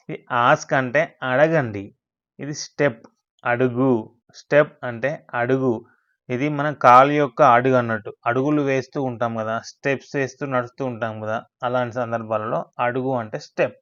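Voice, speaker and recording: A man teaching English words in a slow vocabulary lesson, repeating each word and its meaning. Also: medium pitch, highs cut off.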